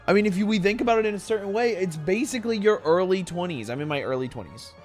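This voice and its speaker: A man's voice: sits high, expressive, fast talker, faint music behind. A man in his twenties chatting casually with his viewers while streaming a game, joking around and swearing often. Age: 20s. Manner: joking banter with chat, frequent swearing. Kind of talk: casual live gaming stream chat.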